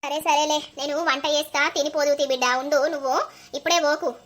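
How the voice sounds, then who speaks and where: A woman's voice: high voice, little pitch movement, fast talker, fairly bright tone. A woman voicing a caring middle-aged village mother in a cartoon, with a Telangana Telugu accent and a coaxing, motherly way of talking. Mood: brisk. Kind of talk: animated cartoon voice acting.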